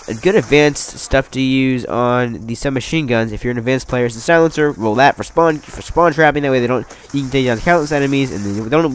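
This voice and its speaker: A young man with a medium-pitched voice, stuffy from a cold, talks fast through his gameplay as a gaming commentator. His casual commentary rambles and corrects itself but stays upbeat, with a faint hiss in the background.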